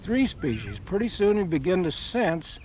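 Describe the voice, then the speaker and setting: A man with a slightly high voice talks reflectively in a nature documentary interview. There is faint ambient noise around him. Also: very animated, moderate pace, a little mellow.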